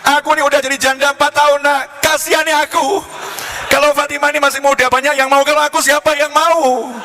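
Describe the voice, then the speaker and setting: A man's voice: on the high side, fairly even intonation, quick pace, a bit bright, soft background music, close to an everyday voice. A man voicing a widowed middle-aged mother who begs a young man to marry her. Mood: pleading. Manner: begging, tearful.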